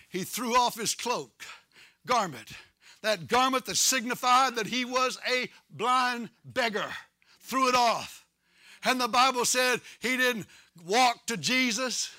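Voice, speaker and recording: A man preaching a sermon, impassioned and shouting at the peaks in a sing-song preaching cadence. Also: very high voice, no room sound, clean studio sound.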